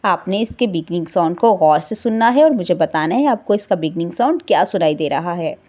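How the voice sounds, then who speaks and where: A woman teacher gives a recorded lesson to young children. She speaks slowly and deliberately, draws out her words with sing-song emphasis, prompts the children with questions and praises their answers. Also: fairly low pitch, animated, warm tone.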